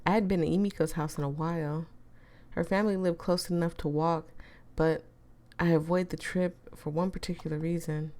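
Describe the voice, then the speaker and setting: A woman's voice: lowish voice, fairly even intonation, moderate pace, warm tone. A woman with a cold and a swollen, congested throat, chatting casually and playfully as she hosts a story read-aloud. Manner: playful, self-interrupting, teasing the audience. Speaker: host reading a story aloud.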